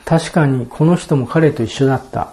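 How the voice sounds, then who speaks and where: A man preaching a sermon, explaining Bible verses in a measured, expository way and reading passages aloud. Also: medium pitch, darkish tone. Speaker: pastor.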